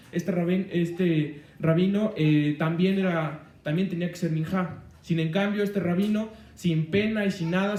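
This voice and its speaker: A man's voice: a little high, warm tone, reverberant, distant mic. A man preaching a sermon on the weekly Torah portion, rambling, with many fillers and restarts.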